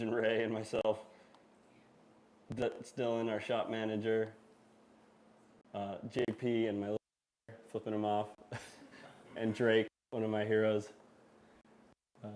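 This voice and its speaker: A young man from Norway, raised in Arizona, talking casually over slides about his motorcycle shop, halting and full of fillers. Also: lowish voice, darkish tone, a little hiss or hum. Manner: halting, filler-heavy, laughs easily. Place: event space before a live audience.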